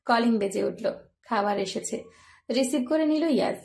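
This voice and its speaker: A woman narrating a romance story in a soft, even storytelling voice. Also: fairly high pitch, moderate pace, vocal fry.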